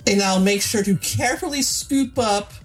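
A woman co-hosting a podcast, discussing film casually in a halting way, repeating words as she explains. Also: medium pitch, soft background music. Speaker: podcast co-host.

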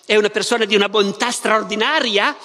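A man reading aloud as Voland, a sardonic ancient Devil, with a slow, mocking, theatrical delivery. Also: high-pitched, bright, forceful tone, voice pushed up. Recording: reverberant festival hall.

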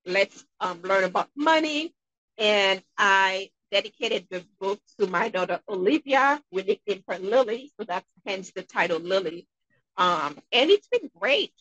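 A woman from Haiti with a Haitian accent, a dentist being interviewed, talking in an upbeat, expressive way. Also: mid-range voice, no echo, lo-fi sound. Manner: upbeat, expressive, acts out quotes. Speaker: guest dentist. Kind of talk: interview conversation.

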